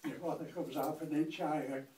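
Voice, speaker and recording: A man's voice: a little high, fairly even intonation, normal speed, dark tone, a little hiss or hum, lightly acted. An elderly man with a Lancashire accent voicing a haggling old man, coaxing and bargaining, recorded from a distance in an echoey room.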